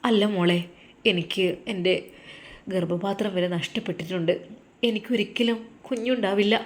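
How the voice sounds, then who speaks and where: A woman voicing a devoted young wife who pleads softly and earnestly with her husband. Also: medium pitch, fairly even intonation, normal speed, lightly acted. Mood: sorrowful.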